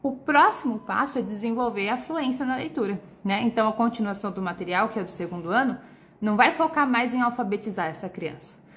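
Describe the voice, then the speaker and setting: Woman, Brazilian accent, literacy educator on a live Q&A, slightly high voice, patient and explanatory, frequent check-in tags. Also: brisk, fairly bright tone. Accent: Brazilian Portuguese. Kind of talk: live Q&A, answering viewer questions.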